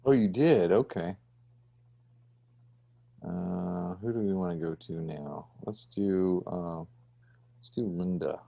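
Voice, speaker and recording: A man's voice: deep voice, takes it slowly, gravelly, pauses often, warm tone. A man teaching an online design class over a video call, chatty and checking in with "right?". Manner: conversational, often checks with "right?".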